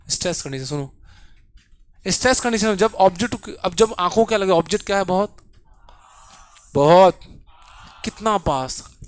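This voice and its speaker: A man's voice: high-pitched, smooth, dry recording. A man teaching a physics lesson in a classroom, joking with and scolding his students as he explains.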